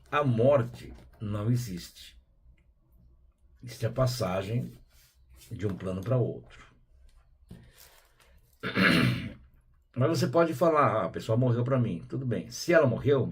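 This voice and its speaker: Man, Brazilian Portuguese accent, very husky voice, spiritual talk, chatty with tag questions. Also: mid-range voice, expressive, slow, pauses often. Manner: conversational, frequent tag questions, drops to quiet asides. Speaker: spiritual teacher hosting a program.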